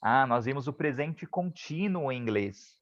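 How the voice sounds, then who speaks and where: A man teaching an English class online, saying English examples slowly and clearly, then translating them and often checking that the students follow. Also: medium pitch, lively intonation, dry recording, dull audio. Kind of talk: online class, explaining grammar.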